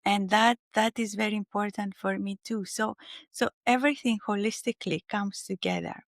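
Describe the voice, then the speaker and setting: A woman with a Greek accent, a spiritual teacher speaking as an interview guest in a gentle, searching way with frequent restarts. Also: mid-range voice, moderate pace, no room sound, studio quality. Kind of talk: reflective interview talk.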